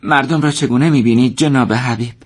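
A man voicing an earnest, determined young man who speaks with quiet urgency. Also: mid-range voice, voice pushed up, natural voice.

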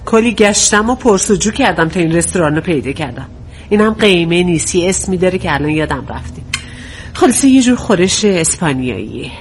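A woman acting as a practical middle-aged wife and mother in a domestic drama, scolding her husband in quick, pointed remarks. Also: fairly low pitch, lively intonation, slight background noise, close to an everyday voice. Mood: nagging.

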